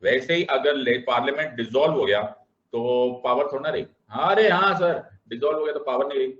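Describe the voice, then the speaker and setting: A man teaching a classroom lecture, animated and repeating checks on whether everyone understands, switching between Hindi and English. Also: mid-range voice, fairly quick. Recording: roomy, dull classroom sound.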